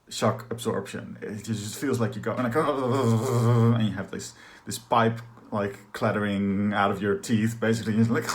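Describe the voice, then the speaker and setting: Man, lowish voice, rambling personal storyteller, candid, lots of fillers. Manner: rambling, heavy use of filler words; candid and confessional. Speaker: trauma healing practitioner.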